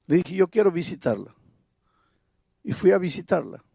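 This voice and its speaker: A man's voice: high voice, lively intonation, normal speed, vocal fry, mellow, breathy edge, dry recording, studio quality. A man preaching a sermon as pastor, telling a story and then building to fervent, emphatic exhortation.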